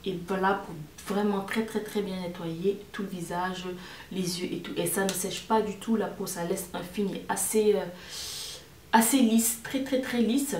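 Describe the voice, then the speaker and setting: A beauty vlogger gives a casual product review to camera, repeating words and phrases for emphasis. Her mid-range voice is a little mellow, with fairly even intonation and a moderate pace, recorded on a distant mic with roomy echo and faint noise.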